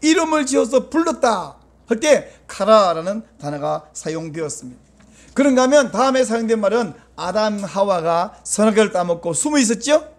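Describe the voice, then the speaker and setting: A male pastor preaching a sermon. He reads scripture aloud, explains words, and urges his congregation in a voice that moves between calm teaching and raised emphasis. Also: high-pitched, moderate pace.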